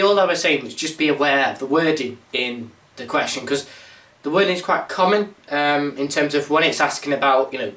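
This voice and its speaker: A man's voice: mid-range voice, fairly bright tone, recorded from a distance. A young man talking through an exam maths problem in a casual, rambling way with self-mocking asides. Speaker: maths tutor. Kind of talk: informal exam walkthrough. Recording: roomy sound, mic set back.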